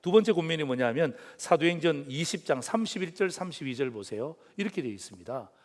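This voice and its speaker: A man's voice: on the high side, lively intonation, fast talker. A male pastor giving a sermon, telling a story with animation and putting questions to the congregation.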